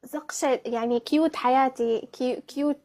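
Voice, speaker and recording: A high-voiced woman with a Levantine Arabic accent. She chats casually and playfully, teasing as she goes. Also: fairly even intonation, fairly quick, a little mellow. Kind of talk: playful casual chat, teasing with Iraqi slang endearments.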